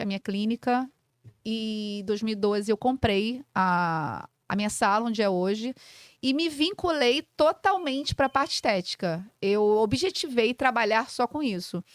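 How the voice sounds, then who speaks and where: A woman's voice: fairly high pitch, a little slow, smooth, no room sound. A woman in her forties from Brazil, a clinic owner and physiotherapist, explaining treatments in a didactic, casual podcast chat. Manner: didactic, explains with simple comparisons and frequent fillers.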